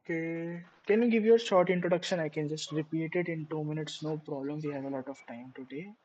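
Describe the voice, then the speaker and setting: Casting: male host, slightly higher voice, hesitant and filler-heavy. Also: a little fast, darkish tone, muffled recording, a little hiss or hum. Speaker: community session host. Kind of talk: online mentoring session.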